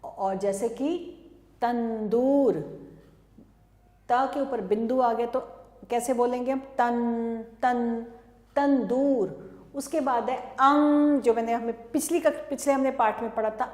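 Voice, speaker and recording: A woman teacher speaks at a very slow, patient pace in a somewhat high voice, stretching out each sound for young pupils. She calls the example words out louder than the rest. The lesson is recorded in an echoey room with a long reverb tail. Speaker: primary school Hindi teacher.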